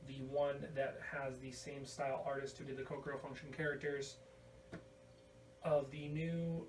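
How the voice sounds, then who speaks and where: His voice sits in the mid-range, level in tone and moderately paced, as he hosts a casual video podcast at home. He wanders through a show-and-tell with a crude, irreverent sense of humor. A distant mic gives the indoor room a roomy sound, and faint background noise is present.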